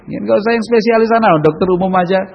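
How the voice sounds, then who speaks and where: Husky preacher in an echoing hall. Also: male voice, sits high, steady tone, quick pace. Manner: chatty, asks the audience for agreement, slips into Javanese. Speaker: Islamic preacher. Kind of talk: casual religious study talk. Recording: dull lo-fi sound with long hall reverb.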